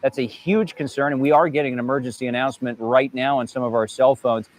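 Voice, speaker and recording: A man's voice: medium pitch, steady tone, fast talker, a little hiss or hum. A man working as a TV field reporter gives a live storm report in an emphatic, conversational way, often checking in with a rhetorical tag question. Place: outdoors in wind and light rain.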